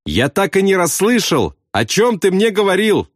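A man putting on a plump, smug navigator, shouting up high with an easy, clueless good nature. The voice stays close and dry. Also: a little slow, no echo. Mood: puzzled.

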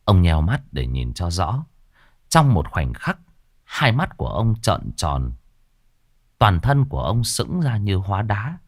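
A man reading a ghost story aloud in a dramatic, expressive style. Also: sits low, a little slow, no echo, studio quality. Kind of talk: scripted horror story narration. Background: faint background music.

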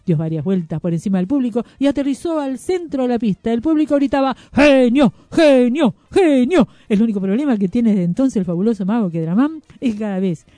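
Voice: medium pitch, quick pace, hardly any pauses, no room sound, clean studio sound. Narrador de radio argentino, voz oscura. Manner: playful, lively read with wordplay. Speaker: radio storyteller. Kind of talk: children's story reading. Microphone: studio radio mic.

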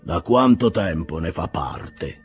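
A man voicing a stern, pious old whaling captain with a deep, sepulchral voice and a slow, severe delivery. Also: lively intonation, soft background music.

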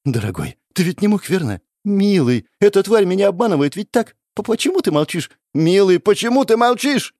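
A man voicing an unhinged, jealous young goddess who is shrill and frantic, swinging between sweet and vicious. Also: very animated, moderate pace, no room sound, clean studio sound, natural voice. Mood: pleading.

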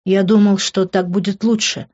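A woman's voice: medium pitch, flat delivery, normal speed, darkish tone, muffled recording, pitched above the performer's own voice, lightly acted. Woman voicing a guilty, defensive middle-aged man. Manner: sighing, defensive.

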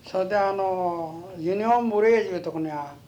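Elderly man, western Japanese accent, high voice, quick folksy storytelling for an oral history; slightly noisy tape. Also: a little mellow. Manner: folksy old storyteller, repeats himself. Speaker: interviewee.

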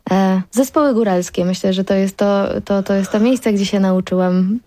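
A young woman from the Podhale highlands, a singer guest in a radio interview, bubbly, laughing often and pausing to find words. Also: dark tone, slight background noise. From Podhale, southern Poland. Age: young adult. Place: radio studio.

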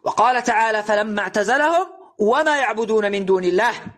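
Male preacher, very high bright voice, insistent and rhetorical. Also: quick pace. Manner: insistent, rhetorical questioning, emphatic recitation. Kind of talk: recorded religious lesson.

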